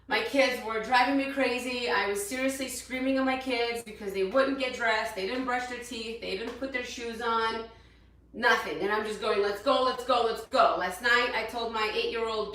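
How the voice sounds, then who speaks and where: A loud-voiced fitness coach in her thirties gives a chatty motivational talk to her followers from a hotel room, repeating points for emphasis. Her voice is on the high side, steady in tone, and moderately paced. The recording is very echoey, with her voice sounding distant.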